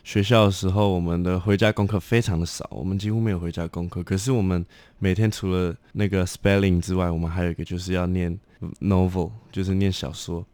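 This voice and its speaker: A man's voice: low voice, fairly even intonation, fast talker, darkish tone, dry recording. A young man, a guest singer-songwriter chatting casually in loose, filler-filled sentences. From Taiwan. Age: young adult. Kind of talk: casual chat.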